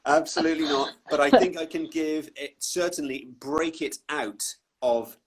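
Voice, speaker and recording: A man with a Southeast English accent, a voice-over artist talking casually in an interview, animated and self-deprecating, with many restarts. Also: a little high, moderate pace, slightly rough. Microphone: Instagram live call.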